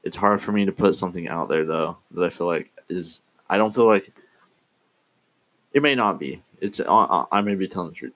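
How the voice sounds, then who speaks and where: Deep-voiced man rambling through a podcast update. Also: rough recording. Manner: rambling, self-doubting, with frequent restarts. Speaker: podcast host. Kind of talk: casual solo podcast update. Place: small room at home.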